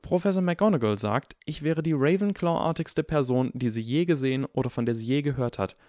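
A man voicing an eager, bookish eleven-year-old boy wizard who talks fast and flatters nervously, in an audiobook. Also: medium pitch, dry recording, clean studio sound, pitched above the performer's own voice, natural voice. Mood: earnest. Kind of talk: audiobook character voice.

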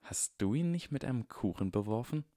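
A man's voice: mid-range voice, expressive, fairly quick, warm tone, no echo, clean studio sound, pitched above the performer's own voice, lightly acted. Man voicing haughty Draco, sneering boy. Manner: sneering, clipped. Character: haughty, stiff young wizard boy.

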